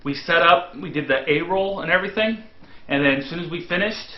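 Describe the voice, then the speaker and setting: A man's voice: fairly high pitch, a little fast. Man, show host, joking, emphatic, roomy, dull sound. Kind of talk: casual chat.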